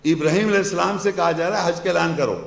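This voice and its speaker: A man with a high, gravelly voice delivers a religious lecture, firing rhetorical questions at his listeners. He chants verses before explaining them in plain, forceful speech. The sound rings in an echoey room. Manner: emphatic, poses rhetorical questions to the audience. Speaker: Islamic lecturer.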